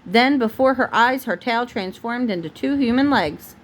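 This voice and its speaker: In this low-quality home recording, a mother with a slightly high voice reads a storybook to her little one at a moderate pace. She interrupts the story to respond patiently to the child, and background noise is clearly present.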